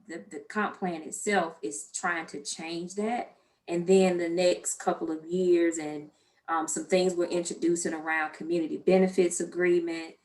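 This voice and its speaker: An American woman, a city planning official, speaking earnestly in a virtual public meeting. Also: fairly low pitch.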